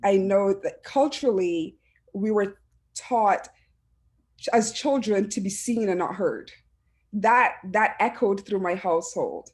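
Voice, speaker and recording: A woman from Barbados, an education administrator on a video call panel, reflects on personal matters with earnest feeling. Her mid-range voice is animated yet a little slow, and she often restarts what she is saying.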